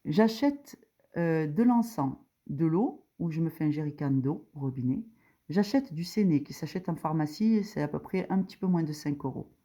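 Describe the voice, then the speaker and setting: A religious teacher with a low-pitched, dark voice talks at normal speed in an animated way. Her informal diagram tutorial proceeds step by step, marked by frequent hesitations, lots of fillers, and rising emphasis on the main points.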